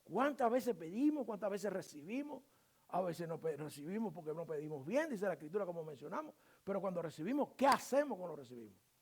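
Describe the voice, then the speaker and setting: A man preaches a sermon as pastor, his voice pitched high and swooping widely. He drives his points with strings of rhetorical questions and shifts from loud, emphatic lines to quiet, low asides. Now and then he slips into brief voices of church members. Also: a little fast, breathy edge. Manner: animated preaching, rhetorical questions, dramatic swings in volume.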